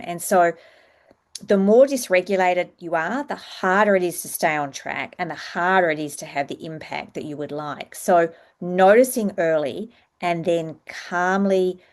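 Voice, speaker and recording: Female public speaking coach, slightly low voice, explanatory delivery for a structured training presentation.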